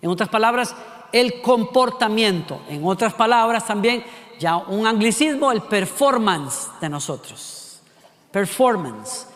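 A man with a Costa Rican accent preaching a sermon, asking rhetorical questions and varying his pace and loudness for emphasis. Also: sits high, lively intonation, measured pace, long reverb tail. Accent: Costa Rican Spanish. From Costa Rica.

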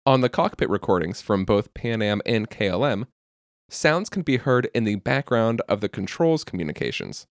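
Young man, podcast co-host, low voice with a lively swing, jokey and profane, close dry mic. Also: moderate pace, dry recording. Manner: jokey, swears freely, reads facts then riffs. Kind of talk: casual chat, telling a story from notes.

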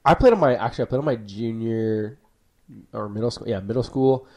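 A man's voice: fairly low pitch, a little fast, mellow. A young man co-hosting a church podcast in casual chat, upbeat and slangy. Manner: slangy and upbeat, says bro and wicked.

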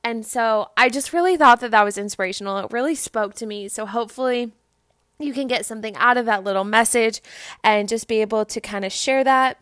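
Young woman, podcast host, chatty motivational talk, bright voice, dry close sound. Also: on the high side, fairly quick, no room sound.

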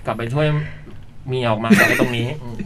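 A man talking in a relaxed chat about a film, hesitant and full of humming fillers. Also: medium pitch, a little fast, crowd noise. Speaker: film reviewer on a chat show. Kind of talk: casual chat. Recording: noisy recording.

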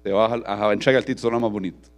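A middle-aged man with a Costa Rican accent, preaching a sermon. He tells personal stories, tags many phrases with "¿verdad?", and builds to loud, forceful emphasis. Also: on the low side, fairly even intonation, rapid-fire. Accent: Costa Rican Spanish. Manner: frequent tag question "¿verdad?", storytelling, rising to forceful emphasis. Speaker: pastor.

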